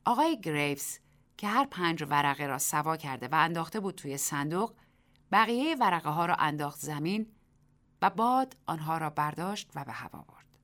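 A woman reading a short story aloud as the narrator of a radio program, measured and expressive. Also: low voice.

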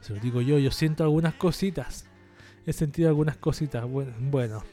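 A man's voice: medium pitch, brisk, music in the background. Joking man hosting a podcast. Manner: jokey, rambling, self-mocking. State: trying a lighter, less forced voice. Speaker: podcast host. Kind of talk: casual podcast monologue.

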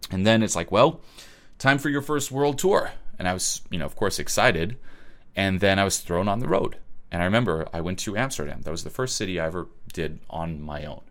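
A man's voice: low voice, lively intonation, a little fast, a bit bright. A man from Switzerland giving a blunt, emphatic motivational webinar talk, swearing freely and often checking in with "okay?".

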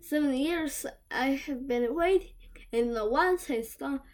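High, soft, pleading storybook cow, voiced by a woman. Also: measured pace. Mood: plaintive. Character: patient talking cow waiting to be milked.

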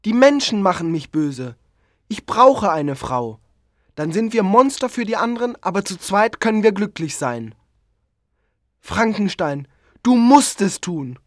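An actor voicing a lonely, pleading creature in a storybook audio drama, speaking slowly and sorrowfully. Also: medium pitch, very animated, no room sound, studio quality. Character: lonely, pleading giant creature made by a scientist. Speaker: narrator of his own story.

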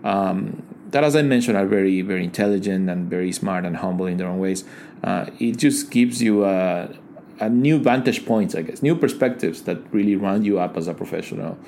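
Guesting in a relaxed interview, a digital design leader from Ecuador talks in a low, darkish voice. He's reflective and hesitant, full of fillers and false starts, and there's a bit of background noise.

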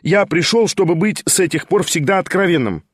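A man voicing an eager, fast-talking scheming young man who rattles off his words. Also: high voice, slightly rough, dry recording, clean studio sound, voice pushed up. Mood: eager, chattering. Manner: hurried, chattering, excitable.

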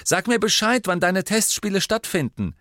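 Teenage girl, emphatic and frank, pushed well up in pitch, voiced by a male reader. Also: moderate pace, no room sound, studio quality. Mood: earnest. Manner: high, emphatic, lively.

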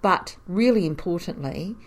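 Caretaker type: woman, lower voice, animated storyteller who chuckles often. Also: normal speed. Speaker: caretaker of a historic cottage museum. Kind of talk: storytelling in an interview.

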